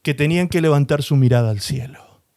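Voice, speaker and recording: A male pastor preaching a sermon, retelling scripture dramatically and slowing down for emphasis. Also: a little high. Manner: expressive preaching, slows and rises for emphasis; dramatizes scripture, voicing the people in the story.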